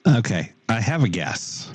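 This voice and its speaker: A man on a board game podcast with a fairly low voice that still moves expressively. He chats casually and hedges his guesses thoughtfully. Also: sing-song, measured pace, husky, no echo. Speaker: podcast co-host. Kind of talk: casual chat.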